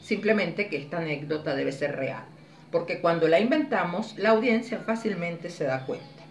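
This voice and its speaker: A woman leading a public speaking workshop, explaining exercises clearly and demonstrating intonation with lively expression. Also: on the low side, moderate pace, a little hiss or hum. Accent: Spanish. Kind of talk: teaching a workshop. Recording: echoey room, voice from a distance.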